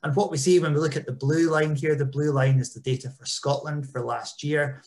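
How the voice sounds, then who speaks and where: A man's voice: a little high, fairly even intonation, fairly quick, darkish tone. A man giving an informal conference talk over a video call, chatty and full of small ums. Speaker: engagement officer. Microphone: video call webcam.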